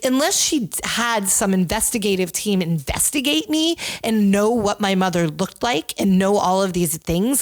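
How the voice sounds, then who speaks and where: A woman podcast host, chatting and telling a long anecdote in an animated way, with many quick restarts. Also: medium pitch. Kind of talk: casual chat, storytelling.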